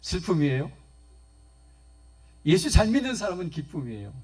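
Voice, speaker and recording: A man's voice: high-pitched, big pitch swings, moderate pace, husky. A man pastor preaching a Sunday sermon at a church service, telling stories and often turning to speak straight to the congregation. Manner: storytelling, often addresses the congregation directly.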